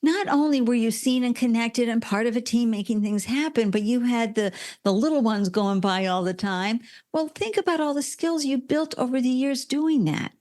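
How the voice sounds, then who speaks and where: A woman's voice: on the high side, moderate pace, a little mellow. A woman in her sixties, a podcast guest telling stories animatedly and acting out quoted voices. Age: 60s. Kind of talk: conversational interview.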